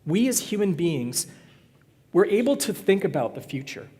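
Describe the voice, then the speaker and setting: Man, pastor, conversational sermon, joking with the congregation, fairly high voice, long church-hall reverb. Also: big pitch swings, moderate pace, warm tone. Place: church sanctuary.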